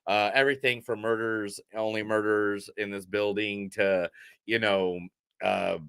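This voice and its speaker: A man's voice: fairly low pitch, level tone, measured pace, vocal fry, a bit bright, clear, resonant tone, no echo. A man hosting a podcast, chatting casually and enthusiastically about movies with emphatic delivery. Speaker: podcast host.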